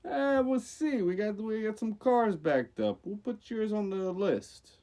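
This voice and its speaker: A man voicing a gruff male auto mechanic with a New Jersey accent, brushing off a customer. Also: high-pitched, animated, a little slow, dark tone, pitched above the performer's own voice. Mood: dismissive. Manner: busy, offhand brush-off.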